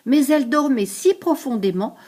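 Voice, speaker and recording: An older woman reading a picture book aloud to a grandchild, lively, stopping to explain hard words. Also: high voice, moderate pace.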